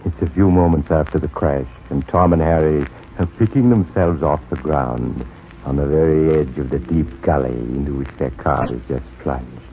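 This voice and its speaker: Creepy old radio horror host, cavernous low voice, slow and sly; thin old-broadcast sound. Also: male voice. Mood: ominous. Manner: slow, ominous storytelling. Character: eerie old male storyteller host, sly. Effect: old radio show sound. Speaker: narrator and host. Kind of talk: 1940s radio horror narration. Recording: tinny 1940s radio broadcast with faint hiss.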